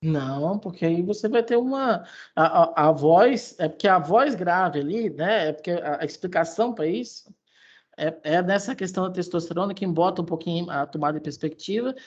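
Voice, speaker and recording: Brief: woman, voice expert, breathy tone, stop-start explaining. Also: fairly low pitch, a little mellow, lo-fi sound. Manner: halting, with many restarts and fillers. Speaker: voice expert guest. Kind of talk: explanatory conversation.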